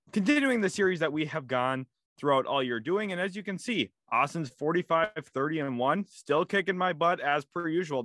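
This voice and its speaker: Energetic young man hosting sports picks. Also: fairly high pitch, no room sound. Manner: energetic, leads the segment and hands questions to co-host. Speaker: sports podcast host. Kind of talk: casual sports prediction talk.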